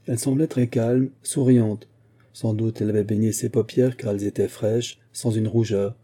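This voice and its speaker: Dark, husky-voiced male narrator. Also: lowish voice, fairly even intonation, moderate pace. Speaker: audiobook narrator. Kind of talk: scripted narration of a classic novel.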